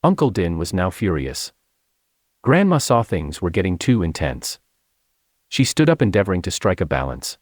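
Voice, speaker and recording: A man from China, narrating his memoir as an audiobook in an expressive storytelling manner. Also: low-pitched, moderate pace, dry recording, clean studio sound.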